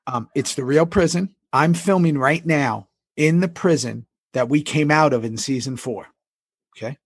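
A man's voice: fairly high pitch, normal speed, husky, no room sound. A man co-hosting a podcast, telling stories in a casual, conversational way. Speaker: podcast co-host. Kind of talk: casual chat, storytelling.

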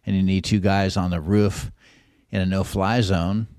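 A man with a very low voice that sounds close and dry, as if recorded in a deadened studio. He tells stories in a relaxed, meandering way, full of asides, as a guest on a podcast. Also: unhurried, no room sound. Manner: laid-back, rambling with many asides. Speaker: podcast guest, concierge business owner. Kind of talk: casual anecdotal storytelling.

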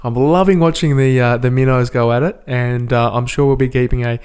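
A man's voice: mid-range voice, fairly even intonation, fairly quick, a little mellow, clean tone. A male podcast co-host chatting casually about cricket, laid-back and jokey.

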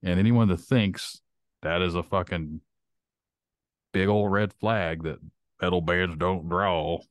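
A deep-voiced man holds forth on a podcast in casual chat, blunt and full of swearing. His voice sits low. The sound is dry and close. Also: slow pace, no echo. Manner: blunt, profane ranting. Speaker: podcast host.

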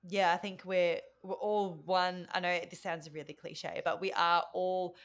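Earnest woman guest, lowish voice. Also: little pitch movement. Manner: earnest, reflective, measured. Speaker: mentor and speaker, podcast guest. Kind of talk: reflective interview talk.

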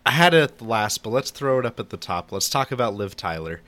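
Laid-back guy chatting movies on a podcast, chuckles a lot, relaxed. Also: medium pitch, fast talker, a crowd in the background. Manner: easygoing, laughs often. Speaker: podcast co-host. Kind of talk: casual film discussion.

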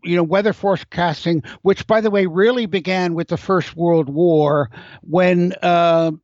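High-voiced older man, North American accent. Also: steady tone, unhurried, darkish tone, no room sound. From England. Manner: lecturing, digressive storyteller. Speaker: guest. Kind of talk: explanatory interview talk. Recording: dull lo-fi audio.

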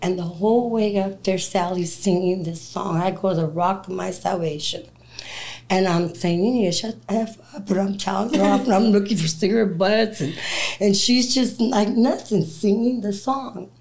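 A woman telling her personal testimony as a guest, animated, acting out the voices of people in her story and laughing as she talks. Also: mid-range voice, moderate pace, gravelly. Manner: animated, acts out quoted dialogue. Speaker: interview guest.

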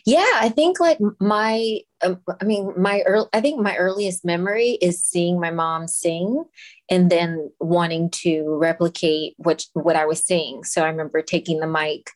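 A woman's voice: on the low side, normal speed. A woman musician from Los Angeles being interviewed over a video call, talking casually with frequent laughs and ums. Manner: warm, laughs often, many ums. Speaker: musician guest.

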